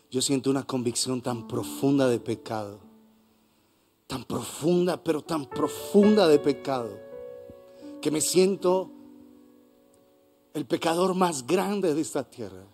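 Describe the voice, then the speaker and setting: A man with a Colombian accent preaching a sermon as pastor, swinging between hushed and loud passages. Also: on the high side, animated, unhurried, long pauses, faint music behind. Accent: Colombian Spanish. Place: church hall.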